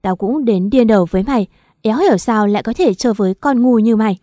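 A brash, foul-mouthed older friend scolds loudly and impatiently in this audio story, as a woman narrator puts her on. The voice keeps a warm, mellow colour under the swearing. The recording is dry and close. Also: a little high, quick pace, dry recording, lightly acted. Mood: scolding.

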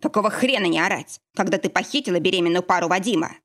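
A woman's voice: fairly low pitch, fast, fairly bright tone, natural voice. Furious growling husband, read by a woman. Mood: angry. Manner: growling, angry.

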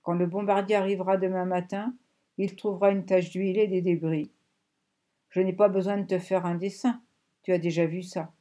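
A woman's voice: on the low side, level tone, normal speed, mellow, natural voice. A woman reading an audiobook, voicing a scheming old German ex-soldier in an urgent, raised tone. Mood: grim.

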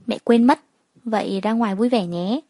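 A woman voicing a gentle, coaxing mother. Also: on the high side, normal speed. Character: caring middle-aged mother.

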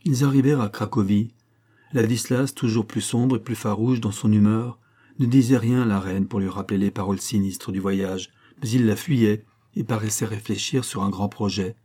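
A man reading a historical audiobook in a measured, dramatic way. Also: fairly low pitch, fairly even intonation, mellow, husky. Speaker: audiobook narrator.

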